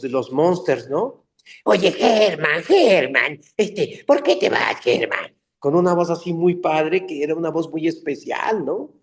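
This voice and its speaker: An older man, a dubbing actor telling stories in a casual interview, animated and slipping into character voices. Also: on the high side. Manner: animated, slips into character voices mid-story. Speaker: voice actor and dubbing director guest.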